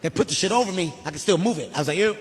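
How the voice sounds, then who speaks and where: Animated high-voiced stand-up comic. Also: male voice, very fast, in a large hall. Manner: loud, animated, slangy storytelling. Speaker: stand-up comedian. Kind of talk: stand-up routine.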